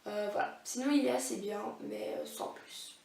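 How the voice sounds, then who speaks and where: A young beauty vlogger reviews makeup brushes in a casual, hesitant manner, full of fillers and restarts. Her mid-range, creaky voice moves at normal speed, recorded very noisily in an echoey room a bit far from the mic.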